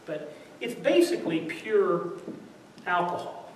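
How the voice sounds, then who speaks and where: A man telling a comic story on stage, lively and laughing through his punchlines, recorded from far off in a large room. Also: sits high, takes it slowly. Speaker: comedian. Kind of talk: stand-up storytelling. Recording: echoey hall from far off, noisy.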